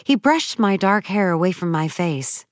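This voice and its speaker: A woman narrating a first-person audiobook story in a measured, dramatic way. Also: fairly low pitch, lively intonation, dry recording, studio quality.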